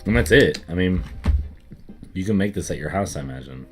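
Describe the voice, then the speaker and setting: A young man with a light Southern US accent co-hosts a casual chat, rambling with plenty of fillers. His voice is deep, animated and brisk, with faint music underneath.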